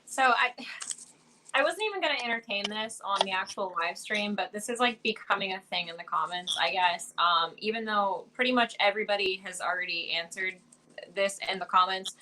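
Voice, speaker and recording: A woman hosts a live stream with a bright, forceful voice. She talks in a blunt, slangy and casual way. Her pitch sits in an ordinary middle range for a woman. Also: brisk, a little hiss or hum, poor audio. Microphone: live stream setup.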